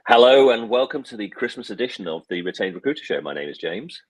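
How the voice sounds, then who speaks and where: A male show host with a cold, sounding nasal and croaky, chatting with lots of "uh" fillers as he introduces a guest. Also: lowish voice, sing-song, quick pace, dry recording, low-quality recording. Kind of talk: hosting a live online interview show.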